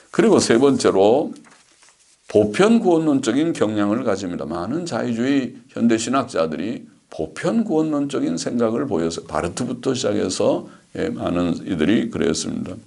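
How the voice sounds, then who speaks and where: A man's voice: medium pitch, vocal fry, a little mellow. A man, a pastor, giving a theology lecture, reading passages aloud and then explaining them with frequent fillers.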